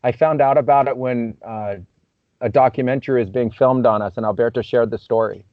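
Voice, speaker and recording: A man appears as a podcast guest, telling a story in a loose, reflective way packed with "you know" fillers. His mid-range voice holds a steady tone and runs a little fast. The audio has no echo but sounds slightly muffled and dull.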